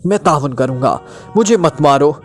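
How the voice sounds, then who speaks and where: A man's voice: on the high side, lively intonation, normal speed, soft background music. A man voicing a terrified male doctor who stammers and pleads in fear. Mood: panicked pleading.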